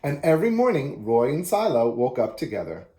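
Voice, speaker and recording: A man reading a children's picture book aloud as an expressive storyteller, in an echoey room. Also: medium pitch, a little fast.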